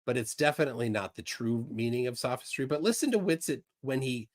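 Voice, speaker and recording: A man giving conversational commentary on a debate in a played clip, measured in tone. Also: mid-range voice, lively intonation.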